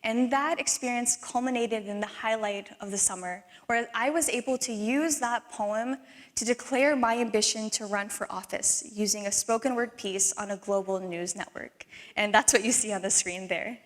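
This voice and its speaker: A woman's voice: fairly high pitch, normal speed. A young woman in her twenties from the Philippines, giving a talk and performing a spoken word poem with earnest, rhythmic emphasis. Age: 20s.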